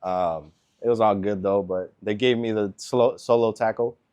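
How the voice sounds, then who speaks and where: A man in his twenties, born in Venezuela and raised in Miami, answering interview questions as an NFL kicker in a relaxed way, with lots of filler words. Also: on the low side, normal speed, clean tone, highs cut off. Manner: laid-back, lots of ums and likes.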